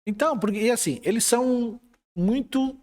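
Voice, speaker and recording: A man with a Brazilian Portuguese accent, an IT manager interviewed as a guest, telling stories in a relaxed way with some hesitant restarts. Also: very high-pitched, normal speed. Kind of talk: conversational interview.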